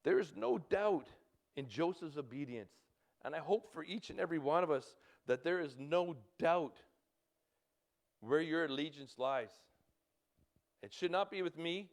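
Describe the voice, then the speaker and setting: A man in his fifties with a Canadian accent, preaching a sermon in a halting way, repeating words and breaking into urgent calls to act. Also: fairly high pitch, expressive. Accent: Canadian English. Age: 50s. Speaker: pastor.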